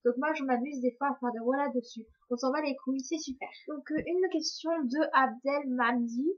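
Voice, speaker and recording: A young woman with a slightly high voice rambles through viewer questions in a casual vlog. She trips over her words and laughs at her own slips. The sound is dull and lo-fi, like a cheap webcam mic. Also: fairly quick, darkish tone. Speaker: vlogger answering viewer questions. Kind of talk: casual chat to camera.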